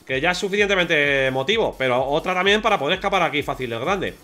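A man with a Spain Spanish accent giving chatty, excitable live gameplay commentary to his viewers. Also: a little high, quick pace, faint music behind. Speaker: gaming streamer.

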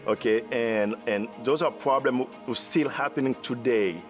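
A man's voice: mid-range voice, a little slow, soft background music. A middle-aged man from Haiti with a Haitian accent, a theater director speaking earnestly in an interview, with many restarts. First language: Haitian Creole. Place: indoor theater seating.

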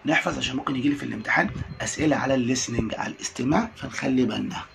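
A man with an Egyptian Arabic accent, teaching an English lesson and repeating words slowly for drilling. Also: medium pitch, vocal fry, a bit bright. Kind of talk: classroom lesson recording.

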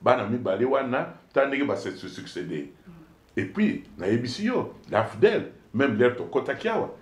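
A man with a Congolese accent, a politician being interviewed, telling his story in an animated, emphatic way and switching between two languages. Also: medium pitch, moderate pace. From Democratic Republic of the Congo. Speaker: politician guest. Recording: echoey room.

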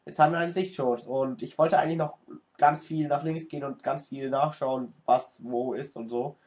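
A man with a stuffy nose from a cold, doing excitable let's-play commentary and cursing at the game. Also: medium pitch, normal speed. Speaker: let's player.

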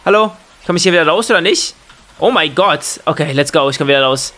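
A young man doing excitable Let's Play commentary, full of exclamations and questions and sprinkled with English slang. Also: fairly high pitch, fast. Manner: mixes English slang into German. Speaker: gaming YouTuber.

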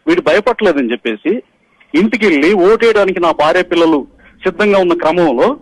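This man's voice sits high with a fairly bright tone, heard over a rough phone recording. He's middle-aged, from Andhra Pradesh, and a party polling agent pressing his account on the media with urgency and emphasis.

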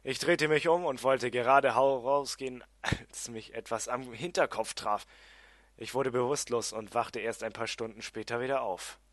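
A man's voice: mid-range voice, moderate pace, a bit bright, no room sound. A man reading his own first-person fantasy story as an audiobook, with uneven delivery and some restarts. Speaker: amateur audiobook reader.

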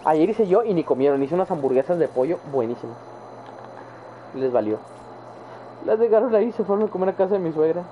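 A young northern Mexican man rambling in slangy, casual chat to his stream viewers. His voice sits fairly high and comes through thin and phone-like. A faint hiss runs underneath. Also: animated, brisk, pauses often. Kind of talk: casual chat while gaming live. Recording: tinny phone-like sound with faint background noise.

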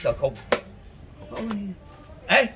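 A man's voice: unhurried, a bit bright, a little hiss or hum. A man with a Southern Vietnamese accent, trash-talking and teasing his opponent over a street chess game, boastful and laughing. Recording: crowd chatter behind.

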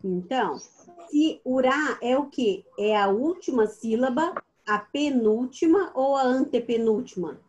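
A woman's voice: high voice, expressive, a little slow, a little mellow, muffled recording. A woman teaching a primary school class over a video call. She asks her pupils patient questions and calls on them by name. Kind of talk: online class instruction.

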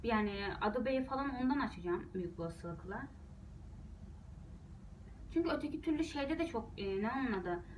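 A woman's voice: on the high side, expressive, normal speed, long pauses, a little hiss or hum, low-quality recording. A young woman, a university student, chatting casually to her viewers in a frustrated, rambling way. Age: young adult. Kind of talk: casual vlog talking to viewers.

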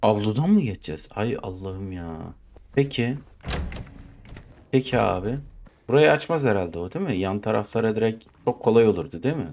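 Jumpy man with a lively pitch. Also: a little fast. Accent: Turkish. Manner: jumpy, swearing, talks to himself and the game. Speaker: gaming YouTuber. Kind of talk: horror game let's play commentary.

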